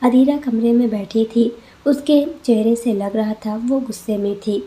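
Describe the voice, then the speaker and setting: A woman narrating a scripted story as a storyteller, in an even, expressive manner. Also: a little high, normal speed.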